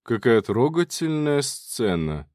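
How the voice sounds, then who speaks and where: A man voices a sly, sarcastic schemer who drawls his mockery at a slow pace. The sound is dry and close, with nothing of the room in it. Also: fairly low pitch, big pitch swings, gravelly, a little mellow, no room sound, heavily acted. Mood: mocking. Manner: sarcastic, mocking, drawn out. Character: mocking, sly man with a cigar. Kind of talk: audiobook character reading.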